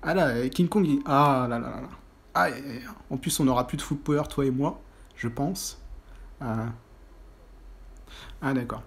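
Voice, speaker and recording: Excitable husky man commentating gameplay. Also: medium pitch, moderate pace, pauses often. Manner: excitable, breaks into shouted exclamations and "aïe aïe aïe". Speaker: gaming YouTuber. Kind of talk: mobile football gameplay commentary.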